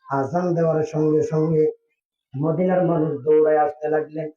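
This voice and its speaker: Brief: male preacher, high singsong sermon delivery, heard from afar through a thin phone-like line. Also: level tone, moderate pace, soft background music. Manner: melodic, sweeping swings into loud cries. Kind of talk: sung-spoken sermon storytelling. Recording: echoey, distant, tinny phone-like sound.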